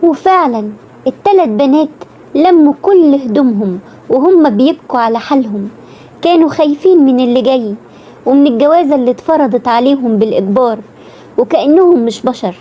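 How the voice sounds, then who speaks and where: A woman's voice: high-pitched, lively intonation, a little fast, lo-fi sound. A woman with an Egyptian accent narrating a dramatic serialized story.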